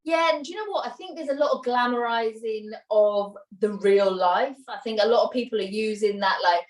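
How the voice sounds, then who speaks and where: A woman's voice: a little high, a little fast, far from the mic. A Welsh woman in her thirties, a mother talking in a casual interview, chatty and rambling with many fillers and restarts. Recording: roomy sound, voice a little off-mic.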